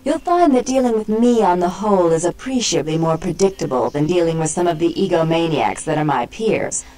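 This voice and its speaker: Haughty female vampire proprietor for a video game, slightly low voice, formal and cool, as an actress plays her. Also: animated, brisk, mellow, natural voice, rough recording. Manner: formal, poised and condescending. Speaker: vampire club owner.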